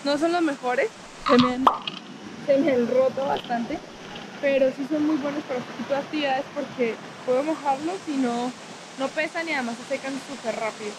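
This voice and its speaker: A young woman who teaches Spanish and vlogs her travels walks viewers through a small town and countryside, explaining a grammar point as she goes. She has a high voice at a moderate pace, with background noise and music behind her.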